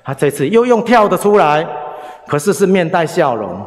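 A man preaching a sermon, telling a family story in a lively way with many chatty particles. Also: sits high, normal speed. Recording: long reverb from a hall.

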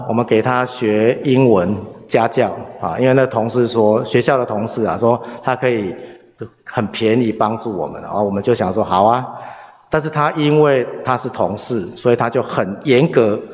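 A man's voice: medium pitch, a little hiss or hum. Man preaching in a reverberant hall. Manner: lively storyteller, frequent particles like ha and o. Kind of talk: sermon with personal storytelling.

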